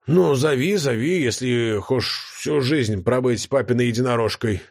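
A man's voice: mid-range voice, measured pace, gravelly, no echo, studio quality. A man voicing a cheeky, potbellied male chaos creature who mocks and lectures in a folksy way. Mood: mocking.

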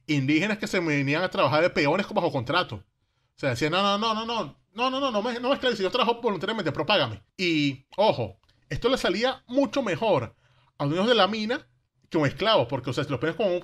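A man's voice: high-pitched, sing-song, fairly quick, fairly bright tone. A man with a Venezuelan Caribbean Spanish accent telling history casually, in slangy everyday speech, asking rhetorical questions and acting out quotes.

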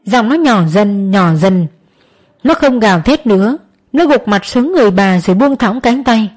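A woman reads a dramatic story aloud. Her delivery is emotive and tense, and she speaks at an everyday pitch. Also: lively intonation, normal speed, darkish tone. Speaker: narrator.

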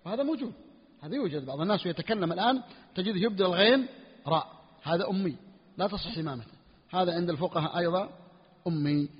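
A man teaching a jurisprudence lesson, repeating key phrases slowly for emphasis and asking questions that he answers himself. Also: sits high, lively intonation, slightly rough. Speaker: sheikh teaching Hanbali jurisprudence. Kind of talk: classical Arabic fiqh lesson. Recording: lo-fi lecture recording in a reverberant hall.

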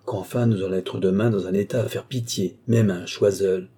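Lazy sardonic schemer, a man reading him, dark and husky, audiobook. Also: low voice, fairly even intonation, fairly quick. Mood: mocking. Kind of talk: audiobook character voice.

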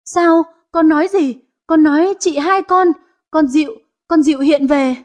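A woman voicing an elderly matriarch, stern and sharp-tongued, in an audio story. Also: high voice, lively intonation, moderate pace. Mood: shocked. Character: stern grieving elderly mother, family matriarch.

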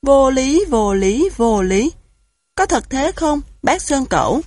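A woman voicing a clever, doubting male hare in a storybook, with a husky voice. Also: a little high, animated, normal speed, a little mellow, no room sound, studio quality, pitched above the performer's own voice. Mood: skeptical.

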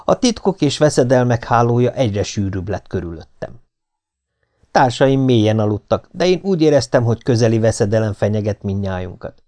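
A man narrating an adventure novel in the first person as an audiobook, in a steady, measured reading. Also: lowish voice.

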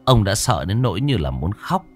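A man's voice: deep voice, sing-song, brisk, darkish tone, soft background music. A man narrating a horror story in a dramatic, suspenseful storytelling voice.

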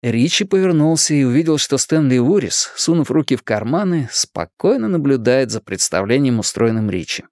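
Expressive male audiobook narrator. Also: mid-range voice, normal speed, hardly any pauses, dry recording, clean studio sound. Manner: lively, expressive reading. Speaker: audiobook reader. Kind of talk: scripted narration.

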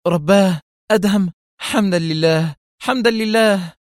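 A man's voice: on the high side, fairly even intonation, moderate pace, no room sound, pitched above the performer's own voice, close to an everyday voice. A man voicing an anxious young woman who exclaims in alarm, in a dry recording.

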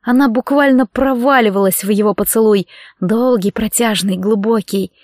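A woman narrating a romance audiobook in an expressive storytelling manner. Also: fairly high pitch, moderate pace, no echo, studio quality.

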